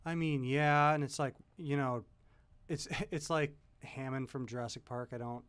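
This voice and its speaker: A man's voice: mid-range voice, fairly even intonation, normal speed, a bit bright, clear, resonant tone. A man with a mid-range voice hosts a podcast in easy conversation. He rambles, trails off and restarts as he looks for his point. He grew up in the Pacific Northwest. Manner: rambling, hesitant. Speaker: podcast host. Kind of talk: casual chat.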